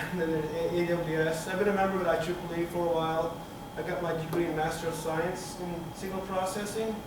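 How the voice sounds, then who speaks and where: The speaker is a middle-aged man from Turkey presenting slides at a tech conference in a room with a projector screen. His somewhat high voice stumbles along with frequent pauses, fillers and restarts. Because the camera sits at the back of the hall, he sounds distant, with heavy echo and steady background noise.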